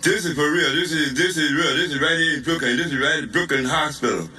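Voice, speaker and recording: A man's voice: on the high side, quick pace, bright, forceful tone, recorded from a distance, a little hiss or hum, rough recording. A shaken man, filming on a phone outdoors and pleading urgently, repeating himself. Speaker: bystander filming a street scene. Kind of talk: urgent live phone report. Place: outdoors on a city street. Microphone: phone held in hand.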